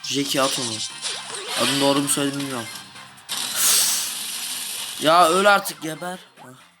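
A young man giving excitable live commentary over his own gameplay, shouting at goals and groaning at misses. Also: medium pitch, normal speed. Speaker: gaming video host. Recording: game music playing behind.

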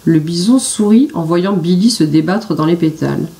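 A woman narrating a children's picture story in an expressive, animated reading voice. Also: lowish voice, normal speed, gravelly, distant mic.

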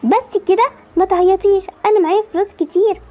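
A woman's voice: very high voice, fairly even intonation, quick pace, warm tone. A woman voicing a generous young woman who speaks reassuringly, with an Egyptian accent. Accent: Egyptian Arabic.

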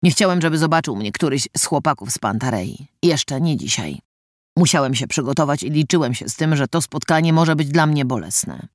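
A male audiobook narrator reading a first-person story with a lively, swinging delivery. His voice sits a little high for a man, and the studio sound is close and dry. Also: fairly quick, no echo.

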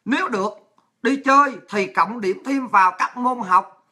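A woman's voice: fairly high pitch, normal speed, bright, forceful tone, husky. Harsh-toned woman ranting, Southern Vietnamese accent. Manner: ranting, crude and abrasive. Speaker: livestream host. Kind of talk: angry livestream rant, reading viewer messages.

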